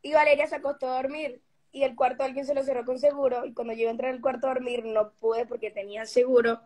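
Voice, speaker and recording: A young woman with a very high voice chats on a livestream with friends. She tells stories in a lively, loose way and swears casually. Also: breathy edge. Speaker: livestream co-host. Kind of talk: casual storytelling chat.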